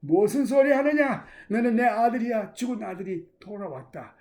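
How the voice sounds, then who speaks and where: A man's voice: a little high, animated, moderate pace, a little mellow. A man preacher voicing a loving old father who welcomes his lost son, in sermon storytelling with character voices. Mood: emphatic.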